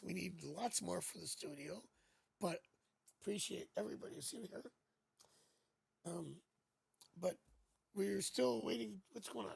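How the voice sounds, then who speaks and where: A man with a high, raspy voice hosts a casual live tarot stream, chatting playfully and cracking jokes. He's using a new studio microphone, and there's no echo.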